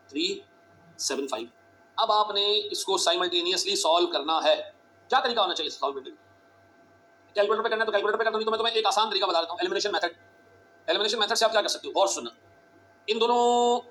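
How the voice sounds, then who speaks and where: A male teacher giving a classroom lecture, talking fast and urgently, repeating phrases and quizzing his students. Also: sits high, bright, forceful tone, a little hiss or hum.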